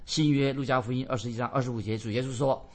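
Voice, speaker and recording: A man's voice: medium pitch, fairly even intonation, fast talker. A man preaching a radio sermon, reading scripture verses and then explaining them with repeated phrases and rhetorical questions to his listeners.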